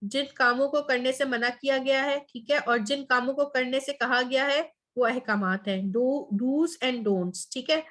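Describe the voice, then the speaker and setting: High-voiced woman teaching an online class. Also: measured pace, few pauses, a bit bright. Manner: explains step by step, says "ठीक है" often. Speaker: Quran Arabic teacher.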